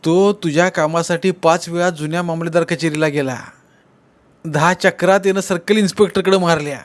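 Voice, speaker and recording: This is a man playing a shrewd village headman who interrogates with steady, needling questions. His voice runs a bit high, with a lilt. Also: a little fast, natural voice. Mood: probing. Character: sly accusing village headman, middle-aged man.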